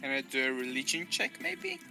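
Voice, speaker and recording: A man's voice: medium pitch, huge pitch swings, a little fast, sharp tone, faint music behind. A man chatting casually as a player in an improvised tabletop role-playing game.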